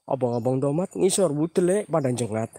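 A man's voice: medium pitch, expressive, fairly quick, mellow, breathy edge, no echo. A man hosting a live paranormal stream outdoors at night, chatting to viewers, thanking them by name and mixing in regional slang. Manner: chatty, reads viewer names, mixes Javanese slang, sudden exclamations.

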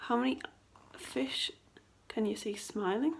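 Woman teacher, storybook read-aloud for children, expressive, asks questions, fairly high voice, camera mic indoors. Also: unhurried, husky.

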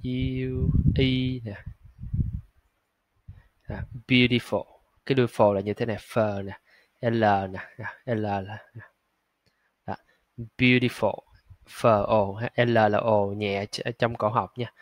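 Guy teaching english sounds, drags the example words out slow, lots of "uh", dry close sound. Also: lowish voice, little pitch movement, no room sound. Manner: slow, drawn-out model words, frequent filler "à". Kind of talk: pronunciation lesson.

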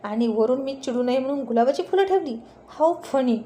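A hot-tempered young man who scolds in an irritated, impatient way, as a woman storyteller puts him on. The voice sits fairly high and sounds mellow, with little edge. There is a faint hiss behind it. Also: animated, moderate pace. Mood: annoyed.

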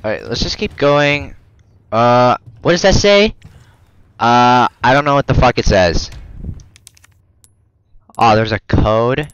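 A man playing a video game and commenting, rambling, swearing often and bursting into loud excited outbursts, close to his microphone. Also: medium pitch, takes it slowly, pauses often, clear, resonant tone, dull audio. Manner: rambling, stumbling over words. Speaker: gamer. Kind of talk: let's play commentary. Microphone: close desk mic.

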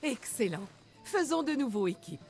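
An actress playing an older, proud poetess in a video game, declaiming theatrically like a stage performer. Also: female voice, sits high, big pitch swings, normal speed, darkish tone, soft background music. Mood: proud, amused. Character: grey-haired old poetess, proud, theatrical, fond of her art. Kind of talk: video game character acting in French dub.

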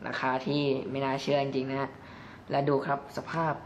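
A young man with a mid-range, monotone voice chats casually through a toy review at normal speed, padding his sentences with polite particles. The room is echoey, with faint background noise.

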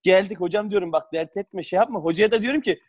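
A man with a high, light voice spins lively anecdotes over a video call. He laughs through his stories and acts out the lines of the people in them. The sound is plain call audio. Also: quick pace. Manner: animated, laughs often, acts out quotes. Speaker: former footballer. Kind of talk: casual storytelling on a video call.

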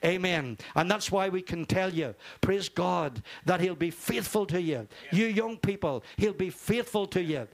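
A man's voice: high voice, lively intonation, a little slow, gravelly, few pauses. An older man preaching an informal sermon, fervent and rambling, dropping in amen and hallelujah. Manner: rambling, repeats words.

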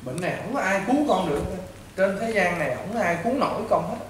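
In an informal counseling talk, a Southern Vietnamese-accented priest with a high-pitched male voice lectures his patient bluntly and repetitively, as though speaking to a child. Animated and quick, he sounds distant from the microphone, in a strongly echoey room with clear background noise.

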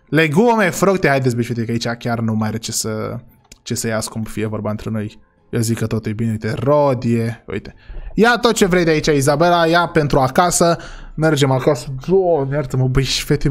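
A young man hosting a comic family role-play over a game, exasperated and often talking straight to his viewers. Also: medium pitch. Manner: exasperated, keeps sighing to God and talking to viewers. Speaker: gaming channel host.

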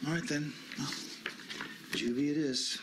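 A man's voice: fairly high pitch, steady tone, unhurried, lightly acted. An actor playing a dry, matter-of-fact man who pushes a teen toward summer camp, in a film clip with ambient noise. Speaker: film character.

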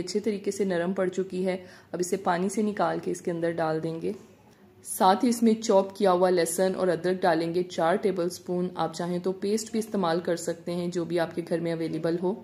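A woman narrating a home recipe as a voice-over, giving calm step-by-step cooking instructions. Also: on the low side. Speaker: cooking channel host.

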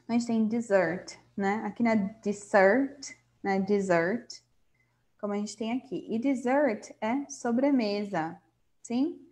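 A Brazilian woman, a native Portuguese speaker, giving an online English lesson, explaining words slowly and often checking in with her students. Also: fairly high pitch, mellow. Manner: patient, checks in often with questions. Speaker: English teacher.

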